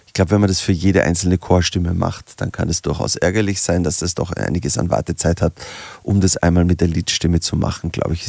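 German man with a gravelly low voice. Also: no room sound. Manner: relaxed explaining. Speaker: music producer. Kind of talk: software tutorial.

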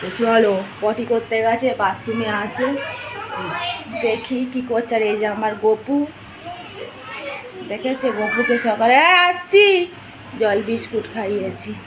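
A young woman chatting directly to viewers in a casual home vlog, now and then scolding the kids loudly. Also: a little high, steady tone, unhurried, pauses often, noisy background. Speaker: family vlogger. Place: family home and kitchen.

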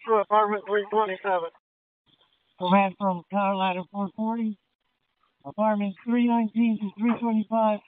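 A male firefighter giving urgent fireground reports over a two-way radio. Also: sits high. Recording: muffled phone-like radio, distant.

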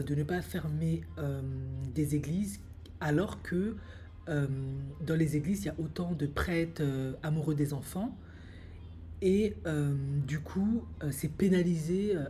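A woman's voice: low-pitched, dark tone, slight background noise. A middle-aged woman coach giving her opinion to camera in a small room, with many hesitations and firm emphasis. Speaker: psycho-emotional coach and vlogger.

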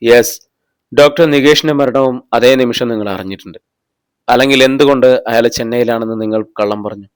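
A man's voice: medium pitch, a little fast, smooth, no echo, lightly acted. A man reading the lines of a persistent police officer interrogating a suspect with pointed questions. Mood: pressing. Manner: probing, pressing questions.

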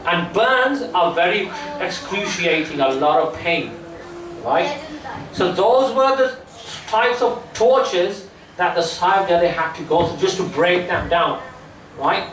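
A man's voice: high voice, animated, a little slow, crowd noise. A man teaching children through storytelling, explaining step by step and often checking in with "right?" and "okay?". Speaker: children's religious camp teacher. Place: small indoor classroom full of seated children. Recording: distant, echoey room, faint background noise.

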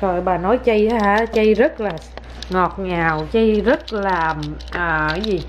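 A woman's voice: mid-range voice, unhurried, dull audio, slight background noise. A young woman, a mother talking casually to camera while coaxing her toddler at home. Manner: chatty, coaxing, sing-song talk to a child. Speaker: vlogger, mother.

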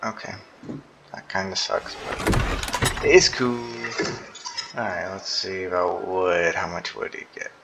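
A man's voice: low voice, level tone, moderate pace, vocal fry, sharp tone, a little hiss or hum, rough recording. A man giving casual, rambling gameplay commentary, tired and yawning, with many ums. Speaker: gaming YouTuber.

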